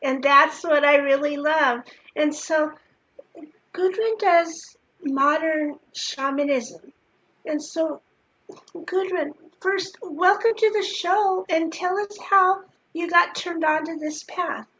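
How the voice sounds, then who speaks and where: A woman's voice: sits high, slow, a bit bright. A woman hosting a casual interview, introducing her guest in an effusive, admiring way. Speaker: host. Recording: lo-fi with faint hiss.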